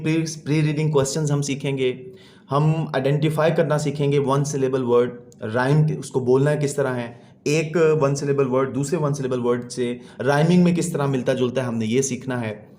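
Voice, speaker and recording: A man teaching a children's English lesson online, explaining in Urdu and reading English sentences out slowly. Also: on the high side, a little mellow.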